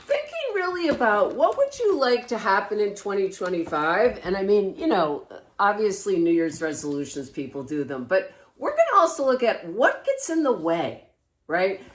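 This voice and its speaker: A woman with a lively, wide-ranging voice speaks in an encouraging way, often chiming in with quick affirmations. Her talk is casual and warm in manner, and it moves freely up and down. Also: mid-range voice. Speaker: podcast co-host. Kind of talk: casual supportive chat.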